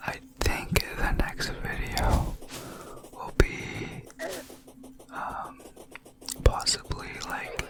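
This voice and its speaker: A person whispering close into the ear, rambling haltingly in an unhurried way over ASMR gameplay. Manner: close, leaning-in whisper into the ears. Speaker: gaming video creator.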